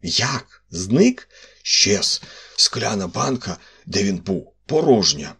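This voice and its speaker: A man voicing an excitable middle-aged police commissary who speaks in urgent, clipped bursts, with a husky voice. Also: lowish voice, slow pace, heavily acted. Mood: alarmed.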